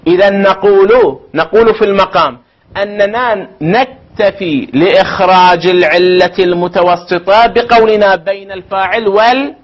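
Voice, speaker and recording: A man's voice: sits high, normal speed. A man teaching a formal lecture, explaining step by step, putting questions to his listeners and correcting himself as he goes. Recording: dull lo-fi recording.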